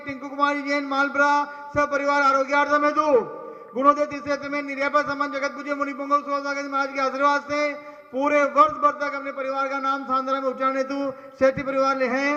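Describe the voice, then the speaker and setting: High-pitched man reading names in monotone. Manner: rattles off a long list of names. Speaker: temple announcer. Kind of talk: reading out donor names at a ritual. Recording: echoey temple hall, dull lo-fi sound.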